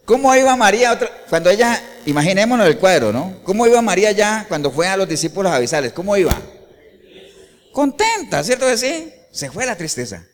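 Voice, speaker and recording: A male pastor delivering an animated sermon, often putting rhetorical questions to the congregation. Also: sits high, a little fast, long reverb tail.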